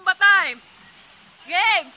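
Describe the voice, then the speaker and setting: A woman's voice: extremely high pitch, lively intonation, very slow, noisy background. A woman filming a family gathering for her vlog, chatting and calling out to the children. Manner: chatty, mixes languages, calls out to kids.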